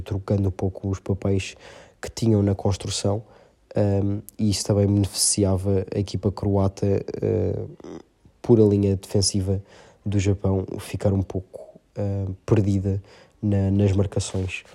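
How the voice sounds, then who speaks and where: A man with a European Portuguese accent analysing a football match, his voice a little off from being slightly ill, speaking hesitantly with many filled pauses. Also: lowish voice, mellow.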